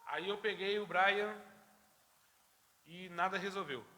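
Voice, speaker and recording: A high-pitched man with a very bright, cutting tone teaches a church Sunday school class. He tells his story in a lively way and acts out the dialogue. His voice rings through the long reverb of a church hall. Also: slow pace. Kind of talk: anecdote told to a church class.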